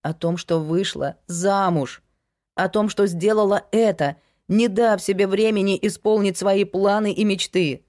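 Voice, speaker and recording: A woman's voice: medium pitch, fairly even intonation, normal speed, few pauses, a little mellow, natural voice. A woman voicing a young woman, a frank and resolute investigator, in an audiobook. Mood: firm.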